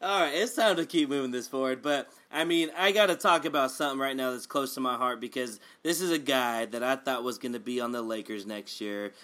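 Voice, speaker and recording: A man of medium pitch co-hosting a casual sports chat. He talks in an animated, joking way, rambling loosely with lots of fillers. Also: brisk, hardly any pauses. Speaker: co-host.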